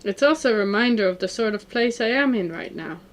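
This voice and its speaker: A woman's voice: medium pitch, expressive, fairly quick, natural voice. A woman reading the part of an awkward, reflective teenage boy narrating a visual novel.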